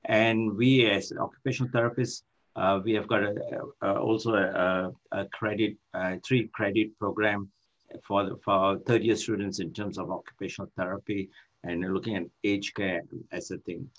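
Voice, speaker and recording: An older man from Malaysia giving an online lecture as a guest professor, halting with many fillers and restarts, speaking on a video call from his office. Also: lowish voice, flat delivery, fairly bright tone. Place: office with shelves. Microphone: laptop microphone on a video call. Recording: muffled video call audio.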